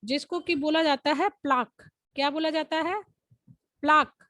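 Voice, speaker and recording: A woman's voice: sits high, a little slow, a bit bright, no echo, poor audio. A woman teacher giving a lesson in an online class, explaining step by step and often asking the students whether they follow. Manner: explains step by step, asks checking questions.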